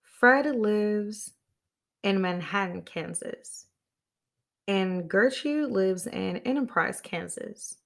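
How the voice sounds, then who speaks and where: Woman doing a solo podcast, takes her time, normal mid pitch. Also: expressive, takes it slowly, vocal fry, a bit bright. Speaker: podcast host.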